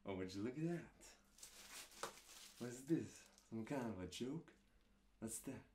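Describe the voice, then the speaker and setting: A man's voice: mid-range voice, animated, slow, background noise. A young man playing a mocking, menacing burglar in an ASMR role-play, taunting and foul-mouthed, with question after question. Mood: amused, greedy. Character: menacing, mocking male burglar threatening his victim. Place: small dim room indoors.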